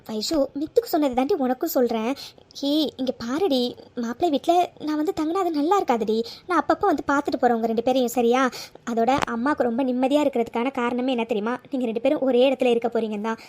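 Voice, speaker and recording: A woman's voice: sits high, fast talker, darkish tone, lightly acted. A woman voicing a soothing cartoon mother. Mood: tender. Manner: soothing, coaxing with "ha?" tags. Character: loving middle-aged mother, gently scolding. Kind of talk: Tamil cartoon story voicing.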